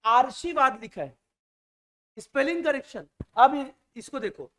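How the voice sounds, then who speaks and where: A man's voice: extremely high pitch, lively intonation, measured pace, a bit bright. A man teaching a Hindi exam-prep class in a classroom. He repeats each point and keeps checking that his students follow. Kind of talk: classroom lecture.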